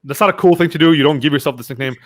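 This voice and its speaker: Young guy w a slightly high voice, chatty guest, does his buddies' voices. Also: very fast. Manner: animated, acts out quoted friends. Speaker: podcast guest. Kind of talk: casual storytelling interview.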